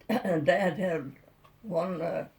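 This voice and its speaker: A woman's voice: on the low side, drawn-out words, gravelly, a little mellow, breathy edge. A woman over a hundred years old telling stories from her past in a casual, rambling, folksy and plain-spoken way. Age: over 100. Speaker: interviewee recalling childhood. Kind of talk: casual oral storytelling.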